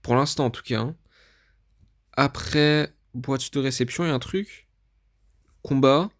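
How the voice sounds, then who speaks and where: Slow, hesitant man narrating gameplay. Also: mid-range voice. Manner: thinks aloud, hesitant, often unsure. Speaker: gaming video creator. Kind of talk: casual let's-play commentary.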